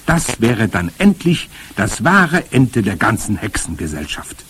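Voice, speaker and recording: A man reading aloud plays a spirited, determined old grandmother who speaks in a brisk, emphatic and commanding way. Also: fairly low pitch, very animated, a bit bright, slight background noise. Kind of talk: audiobook character voice.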